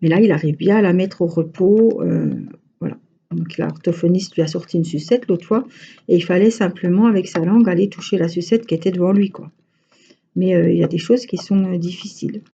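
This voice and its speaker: A woman's voice: fairly low pitch, fairly quick, creaky, mellow, lo-fi sound, slight background noise. A woman with a Franche-Comté French accent, chatting casually and rambling to her viewers as a crochet vlogger.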